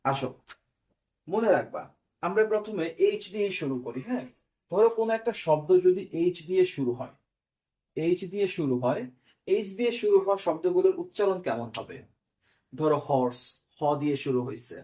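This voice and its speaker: A man's voice: sits high, lively intonation, normal speed, pauses often, warm tone. A man, teaching an English grammar class step by step and often checking whether students follow. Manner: explains step by step, asks quiz questions and checks "clear?". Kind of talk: recorded online class.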